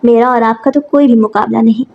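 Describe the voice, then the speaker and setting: A woman voicing a meek, tearful young second wife who talks softly and pleads, read as part of a storybook narration. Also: fairly high pitch, fairly even intonation, a little fast, muffled recording, close to an everyday voice. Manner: soft, pleading.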